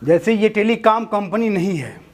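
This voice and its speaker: Male, high register, smug boss giving a sham-polite speech in a comedy sketch. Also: expressive, normal speed. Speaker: gang boss. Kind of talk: comic sketch acting.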